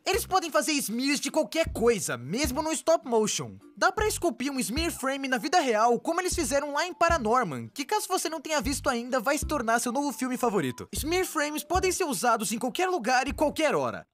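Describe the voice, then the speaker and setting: A woman performs an excitable cartoon narrator with a Brazilian accent for an animated explainer video, her high voice moving in lively swoops over faint background music. The scripted but informal delivery is wry, exaggerated and enthusiastic, running a little fast with few pauses.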